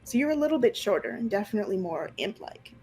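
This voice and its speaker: A young woman narrating an online tabletop roleplaying game as game master, improvising her descriptions haltingly. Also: mid-range voice, expressive, warm tone, slightly rough. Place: room at home, on a group video call. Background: faint music.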